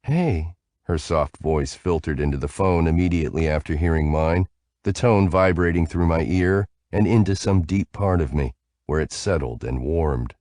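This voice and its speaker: Male audiobook narrator, low voice, calm even delivery, dry close recording. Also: normal speed, no room sound. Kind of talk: first-person audiobook narration.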